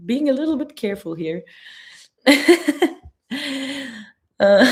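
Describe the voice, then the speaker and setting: A woman's voice: medium pitch, vocal fry. A young woman with a German accent, a travel vlogger answering chat questions on a live stream in a chatty, laughing, careful way.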